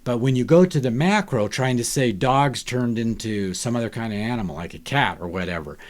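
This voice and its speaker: An older man talks with conviction on a podcast, pressing each point and throwing rhetorical questions at the listener. His voice sits in a middle pitch, and he leans hard on key words. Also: animated, brisk. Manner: emphatic, preachy, rhetorical questions. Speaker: guest author. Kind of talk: emphatic podcast discussion.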